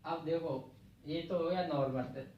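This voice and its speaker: Counting digits aloud, a man explains a math lesson step by step to his class in a steady, somewhat high voice, going a little slow. He has a Hindi accent from the Agra region. The recording is distant and very echoey, with a dull lo-fi room tone.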